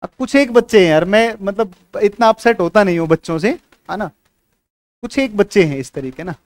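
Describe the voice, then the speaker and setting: High-voiced man teaching a class. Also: fairly quick, no echo. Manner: keeps asking if students understood, scolding. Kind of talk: classroom lecture.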